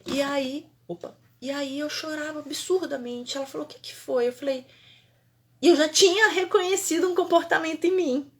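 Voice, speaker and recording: A woman, a holistic therapist telling a personal story in an animated, emphatic way, repeating phrases for effect. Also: sits high, normal speed.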